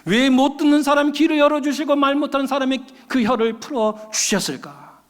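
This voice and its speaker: A man delivers a sermon from the pulpit, his voice pitched very high and full of emphatic appeals to the congregation. The sound carries through a church sanctuary with a long, lingering reverb. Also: brisk. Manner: emphatic preaching, calling out to the congregation. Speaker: pastor.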